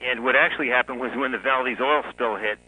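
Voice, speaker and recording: Bright-sounding guy in his forties chatting about his past, laughs easy. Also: medium pitch, fast, husky, poor audio. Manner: chuckles often, relaxed storytelling. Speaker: guest author. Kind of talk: conversational interview.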